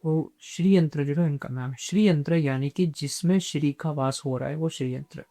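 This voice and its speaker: This podcast guest, a man with a somewhat high voice, explains spiritual practice like a patient teacher. English words pop up throughout his talk, and his delivery is mellow.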